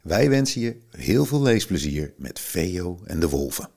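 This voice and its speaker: Very deep-voiced man reading a story aloud. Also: creaky. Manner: calm, measured storytelling. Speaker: podcast host and reader. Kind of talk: reading a children's book aloud.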